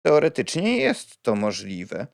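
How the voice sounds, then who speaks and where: A man reading an audiobook and voicing a reserved, polite, old-fashioned gentleman with a hesitant, stiff manner. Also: medium pitch, huge pitch swings, slow pace, creaky, clear, resonant tone, exaggerated voice. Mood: guarded.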